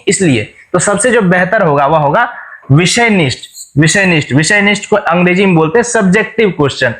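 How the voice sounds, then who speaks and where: A man with a high-pitched voice gives an exam-prep lesson. He works through each question, explains it, and then repeats it in simpler words. He keeps checking back with his viewers as he goes. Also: a bit bright. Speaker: teacher.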